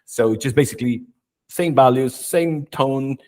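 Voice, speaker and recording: A man's voice: medium pitch, measured pace, a little mellow. Chilean-born man telling his story. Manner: enthusiastic, storytelling, frequent fillers. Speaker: guest, marketing and video expert. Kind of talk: casual interview chat.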